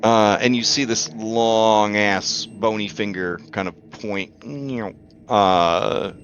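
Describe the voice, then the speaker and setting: A man with a fairly low voice narrates a tabletop game as game master. He improvises casually, with rambling, joking asides and some swearing. Faint noise sits behind him. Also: slow, a bit bright, lo-fi sound.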